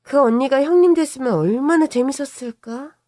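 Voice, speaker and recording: A woman's voice: high-pitched, normal speed, mellow, dry recording, studio quality, pitched above the performer's own voice, lightly acted. A woman voicing a tactless, smug young sister-in-law.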